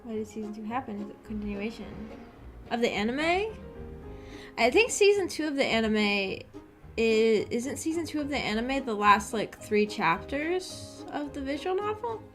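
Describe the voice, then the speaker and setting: With soft music in the background, a woman hosts a visual novel book club livestream, talking casually and eagerly with her viewers in informal phrasing packed with "like." Her fairly high, slightly bright voice has a sing-song lilt at a normal speed.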